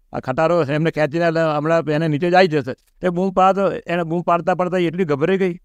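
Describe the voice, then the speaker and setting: Fast-talking middle-aged man telling a story. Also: on the high side, dry recording. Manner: animated, acts out quoted speech. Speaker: interview guest. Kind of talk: personal pilgrimage storytelling.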